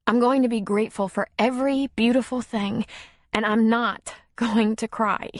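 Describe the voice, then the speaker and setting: A woman's voice: on the high side, steady tone, normal speed, no echo, clean studio sound, voice pushed up, natural voice. Nora, a woman reading a wry single mother. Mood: tender, teasing.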